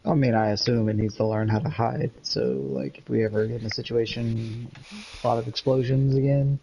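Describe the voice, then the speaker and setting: A tabletop game player with a gravelly voice and a dry, matter-of-fact delivery. The sound is dull and lo-fi, as if through a modest mic. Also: mid-range voice, steady tone, a little fast, mellow, slight background noise.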